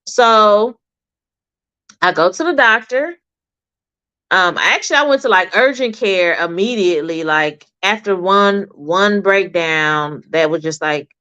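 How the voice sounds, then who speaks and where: Woman, 30s, livestream host, unhurried, rambling candid storytelling, lo-fi stream sound. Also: mid-range voice, a bit bright, smooth. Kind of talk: casual personal livestream chat. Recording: dull lo-fi livestream audio.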